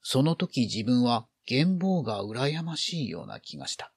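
A man's voice: medium pitch, very animated, unhurried, husky, no room sound, clean studio sound. A man reading a literary story aloud, expressively acting out the feelings in the narration.

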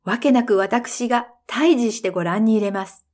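A woman's voice: on the high side, normal speed, a little mellow, close to an everyday voice. A woman reading a storybook, voicing a brave, confident young hero who gives firm orders to his dogs. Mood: commanding. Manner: firm commands.

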